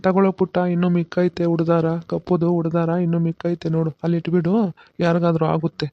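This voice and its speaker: A man's voice: a little high, completely flat delivery, fast, no echo, lo-fi sound, natural voice. A man voicing a patient village father in a cartoon who explains the ritual step by step and keeps checking that he is understood. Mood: instructive. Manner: instructive, keeps asking "okay?". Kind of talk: cartoon voice acting.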